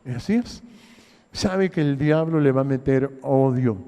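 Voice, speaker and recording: Older Honduran pastor preaching in a reverberant hall. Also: male voice, medium pitch, unhurried, warm tone. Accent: Honduran Spanish. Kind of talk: sermon.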